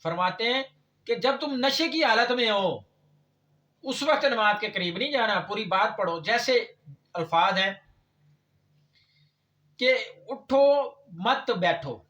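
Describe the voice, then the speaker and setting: A male preacher delivers a religious lecture with a high, sharp-edged voice. He argues point by point, firing rhetorical questions and reciting verses. He sits some way from the microphone. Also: animated, pauses often, distant mic. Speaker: Islamic preacher.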